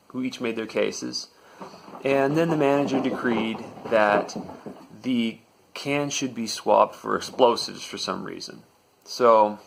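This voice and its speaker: A man's voice: fairly low pitch, vocal fry, fairly bright tone. A man telling a comedic personal story with a dry, matter-of-fact delivery.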